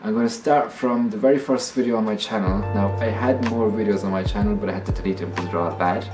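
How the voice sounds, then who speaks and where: A man's voice: fairly low pitch, echoey room, poor audio. A man hosting a magic tutorial in casual card magician patter, explaining step by step and often repeating himself.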